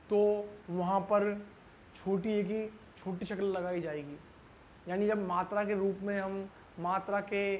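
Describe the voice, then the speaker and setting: High-voiced man teaching slowly. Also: darkish tone, a little hiss or hum. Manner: explains slowly with many rhetorical questions that he answers himself; drawls example syllables slowly and carefully. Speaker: Urdu teacher. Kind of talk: classroom-style language lesson.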